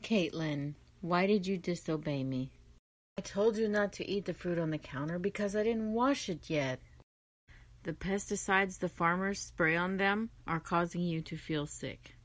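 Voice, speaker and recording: A caring mother from a children's storybook, speaking in a lower, calm voice that stays gently firm, as a woman reading the tale puts her on. She sounds patient and steady. The sound is dry and close. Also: measured pace, dry recording.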